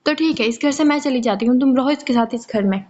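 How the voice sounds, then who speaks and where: A woman's voice: high-pitched, a little mellow. A woman voicing a wronged middle-aged mother and first wife who speaks bitterly, in a muffled lo-fi recording. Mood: furious.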